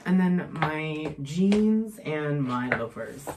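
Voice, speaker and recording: This is a very noisy recording of a woman travel vlogger rambling to a handheld camera with frequent fillers, both out on city streets and in her hotel room. Her voice sits low and she speaks very slowly, with lively intonation.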